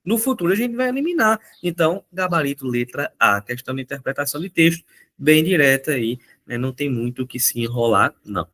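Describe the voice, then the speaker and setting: A man's voice: a little high, expressive, a little fast, pushed and bright. A male teacher who talks through exam answers in a chatty way. He keeps checking in with his students and his voice rises and falls a lot. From Brazil. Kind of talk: recorded exam answer walkthrough.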